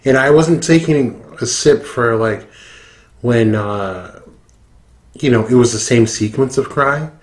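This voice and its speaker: A man's voice: mid-range voice, slow pace. A man who is drunk, giving casual reaction commentary full of swearing and slang. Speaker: YouTube reaction host.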